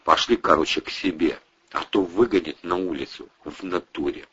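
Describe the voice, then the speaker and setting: Streetwise young tough, gruff and blunt, deep husky voice, read by a male narrator, lo-fi. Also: moderate pace, sharp tone, full character voice. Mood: weary.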